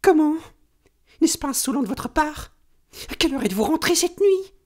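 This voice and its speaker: Shrill, indignant little old woman played by a male reader for an audiobook, voiced high, nervy and sharp. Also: lively intonation, normal speed. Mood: furious. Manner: shrill, trembling with anger.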